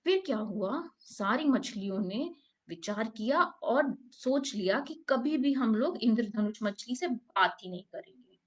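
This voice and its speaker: A woman teacher telling a story to young children, gently asking them questions along the way. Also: on the high side, animated, a little slow. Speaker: preschool teacher.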